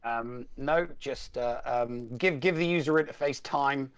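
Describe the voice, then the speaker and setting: A man's voice: medium pitch, a little slow, smooth, no room sound. A man in casual chat as a guest, rambling and repeating words as he searches for them.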